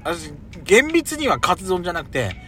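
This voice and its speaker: A man's voice: sits high, wildly swooping pitch, moderate pace, bright, forceful tone, faint music behind. A man chatting casually about food as a podcast co-host, talkative and emphatic, with feminine-style colloquial phrasing.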